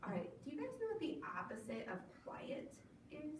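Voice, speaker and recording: A woman librarian leading a children's storytime with rhymes and songs, in an animated, encouraging sing-song manner. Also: high voice, normal speed. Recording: echoey room from far off, audible noise.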